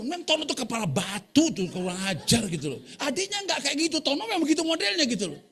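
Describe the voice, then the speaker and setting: A male pastor preaching a sermon, often asking the congregation "right?" and calling for louder amens. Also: very high-pitched.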